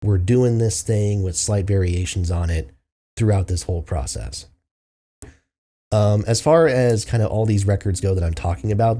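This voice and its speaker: A man's voice: deep voice, warm tone. A man hosting a music review show, talking loosely through albums with many fillers and asides. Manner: loose, filler-heavy, thinking aloud. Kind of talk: casual album review monologue.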